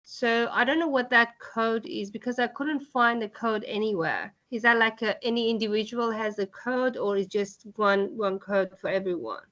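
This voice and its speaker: A woman's voice: fairly high pitch, moderate pace, few pauses, fairly bright tone, muffled recording. A woman student asking questions hesitantly with many ums over a video call.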